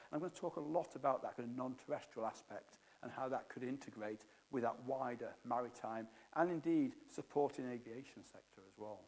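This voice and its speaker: A man's voice: mid-range voice, darkish tone. A middle-aged man giving a technical keynote on a conference stage, explaining with jargon and frequent fillers. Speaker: keynote speaker.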